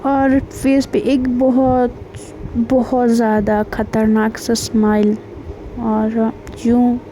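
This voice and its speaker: A woman's voice: a little high, dark tone. A woman telling a romantic story in a casual, conversational way, retelling the dialogue in her own plain narrating voice with small fillers. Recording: dull lo-fi home recording with faint noise.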